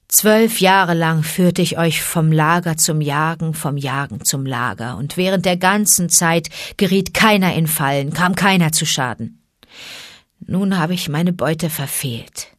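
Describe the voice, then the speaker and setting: A woman reading an audiobook, voicing a tired, dignified old male wolf addressing his pack in a measured way. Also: low voice, no room sound, clean studio sound. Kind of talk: audiobook character voice.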